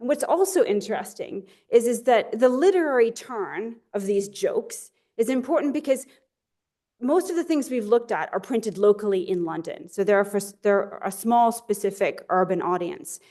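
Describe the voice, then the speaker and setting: A woman's voice: mid-range voice, animated, moderate pace, dark tone. A woman lecturer giving an academic talk with enthusiasm, often correcting herself mid-sentence. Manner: enthusiastic, with frequent self-corrections.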